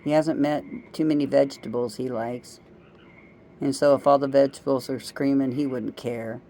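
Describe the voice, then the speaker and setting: A woman's voice: extremely low pitch, fairly even intonation, normal speed, mellow, slight background noise. A middle-aged woman hosting a rambling solo monologue, chatty and playful, joking at her own expense and talking straight to her listeners. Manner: chatty, playful, self-mocking, talks to the listeners directly. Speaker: podcast host.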